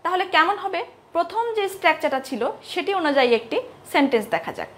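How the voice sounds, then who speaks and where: A woman lecturer teaching a grammar lesson to students. She asks questions, answers them herself and repeats example words slowly. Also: high voice, very animated, a bit bright. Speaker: English lecturer.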